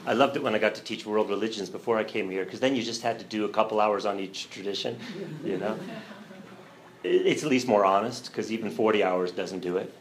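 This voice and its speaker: A middle-aged man, a religion professor, giving a relaxed, thoughtful lecture with fillers and a light sense of humor. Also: on the low side, a little fast, a little hiss or hum, poor audio. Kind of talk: lecture to a church audience.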